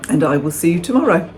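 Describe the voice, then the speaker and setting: A woman vlogging from her home kitchen, chatting to the camera while she bakes and tastes. Her voice sits a little low, and she pokes fun at herself as she goes. Faint household sounds hum behind her. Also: a little mellow. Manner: chatty, self-mocking, talks while baking and tasting. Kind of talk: casual kitchen vlog.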